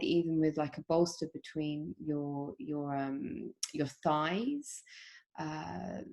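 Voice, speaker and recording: A woman yoga teacher introducing a guided meditation, talking in a gentle, unhurried way with frequent soft pauses and ums, over a video call. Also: deep voice.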